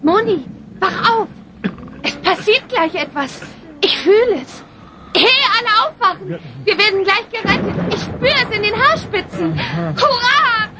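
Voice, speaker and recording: A woman's voice: extremely high pitch, expressive, unhurried. Bibi, a bubbly young girl witch. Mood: excited. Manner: eager, bubbly, commanding her friends. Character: excited young girl witch, brave and cheerful. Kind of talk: children's radio play acting. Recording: loud outdoor noise behind.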